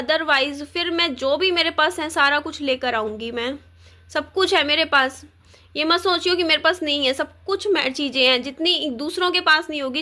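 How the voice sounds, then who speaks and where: Distressed young woman vlogging, high bright voice, keeps repeating herself, upset but firm. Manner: upset, pleading and defiant, repeats words. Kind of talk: emotional direct-to-camera rant.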